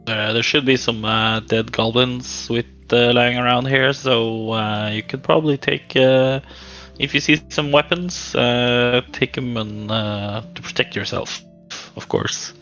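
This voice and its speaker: Dull lo-fi audio, creaky bright-voiced guy playing tabletop, halting, casual. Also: mid-range voice, fairly even intonation, soft background music. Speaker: tabletop game player. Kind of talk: casual tabletop role-play.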